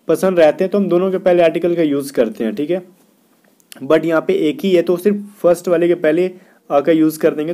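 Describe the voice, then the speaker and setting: Hindi-speaking male grammar teacher, mellow voice. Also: fairly high pitch. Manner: explains in Hindi, reads English sentences slowly; keeps asking "theek hai na" and "kya bhai". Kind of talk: exam-prep grammar lesson.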